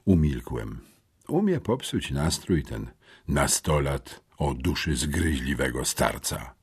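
A man reading an audiobook in an expressive, animated way. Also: extremely low pitch, takes it slowly, husky. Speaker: audiobook narrator.

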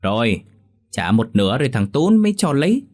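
A man voicing a greedy, nagging middle-aged village wife with a sharp, high voice. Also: very animated, fairly quick. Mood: scolding.

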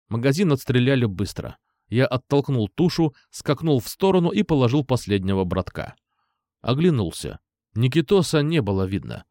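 A man's voice: medium pitch, dark tone, dry recording, clean studio sound. A man reading a first-person action audiobook with dramatic, tense storytelling. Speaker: audiobook narrator.

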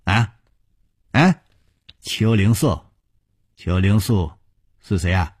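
A man's voice: on the low side, animated, slow, breathy edge, exaggerated voice. A male storyteller voicing a cunning, sneering old male villain who laughs sinisterly. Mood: mocking.

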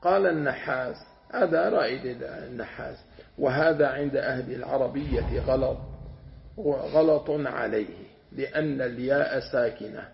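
A man, teaching a religious lesson as a sheikh, patiently explaining and sounding out words slowly with repetition. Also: mid-range voice, vocal fry, a little hiss or hum. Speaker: sheikh teaching Quran commentary. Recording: dull lo-fi lecture recording.

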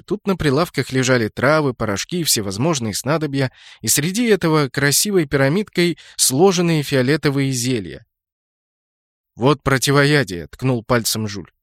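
Brief: man, audiobook narrator, even storytelling, dry close read. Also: mid-range voice, moderate pace, hardly any pauses, no echo. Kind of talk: scripted first-person audiobook narration.

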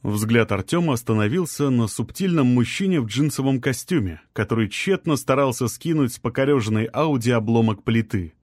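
Reading scripted audiobook narration, a man keeps a measured, even storytelling manner in his mid-range voice. The recording is dry and of studio quality.

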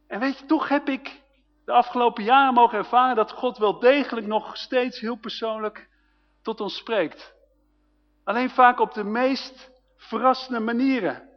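A man preaching a sermon and retelling a Bible story in a personal, conversational way, in a dull recording with a long hall reverb. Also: sits high.

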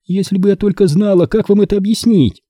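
A man voicing a sharp-tongued young woman in an audiobook, high and strained in manner. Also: fairly quick, dry recording, clean studio sound. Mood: pleading. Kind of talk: audiobook character voice.

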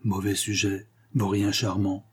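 A man's voice: lowish voice, completely flat delivery, unhurried, breathy edge. Man reading as an indulgent old blind mentor. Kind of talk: audiobook character reading.

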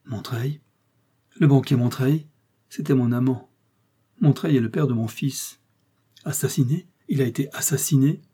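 A sick, sorrowful mother shut away in her room, as a male reader puts her on, confessing her grief in a low, mellow, slightly husky voice. She sounds fearful and worn down, in an audiobook story. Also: moderate pace, lightly acted. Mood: shocked. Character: bedridden sorrowful old mother, frightened.

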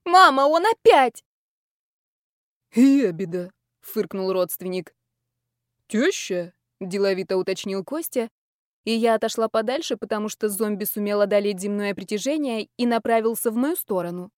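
A woman narrating a romantic novel in the first person with lively storytelling. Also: medium pitch, a little fast, no room sound, clean studio sound. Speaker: audiobook reader. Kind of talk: audiobook narration.

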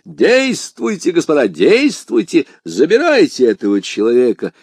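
A man playing a bold, cunning young musketeer who declaims loudly and brashly. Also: a little high, wildly swooping pitch, moderate pace, slightly rough, dry recording, clean studio sound, voice pushed up, exaggerated voice. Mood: loud bluster. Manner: loud, brash, theatrical declaiming.

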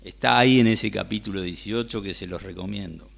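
Rioplatense guy preaching in church, gravelly voice, keeps asking the crowd questions. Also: lowish voice, a little fast. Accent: Rioplatense Spanish. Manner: conversational, asks the congregation questions. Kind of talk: sermon.

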